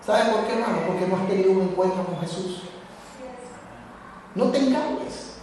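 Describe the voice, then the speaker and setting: A man in his fifties gives an impassioned sermon, his voice set fairly high for a man. He speaks straight to the congregation. The sound is heavily echoey and comes from a mic well away from him, with a long reverb in the church hall. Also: moderate pace, a little mellow, distant mic, slight background noise. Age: 50s. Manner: impassioned preaching, addresses the congregation directly. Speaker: pastor.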